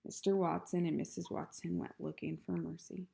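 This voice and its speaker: Woman, children's book read-aloud, lowish pitch, vocal fry, calm steady telling. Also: normal speed. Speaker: reader.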